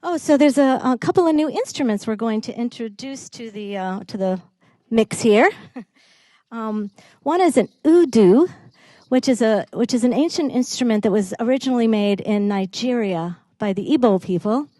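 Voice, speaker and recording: A woman musician casually introducing instruments between songs, friendly and halting, with fillers and small laughs. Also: on the high side, expressive, dark tone, dry recording.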